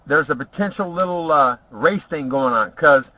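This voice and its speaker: A man telling rambling, boastful stories from his past, swearing freely and filling pauses with "uh" and "you know what?". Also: on the high side, sharp tone, no room sound. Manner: profane, boastful, rambling with many fillers. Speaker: vlogger telling personal stories. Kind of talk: casual storytelling monologue. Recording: dull lo-fi home video audio.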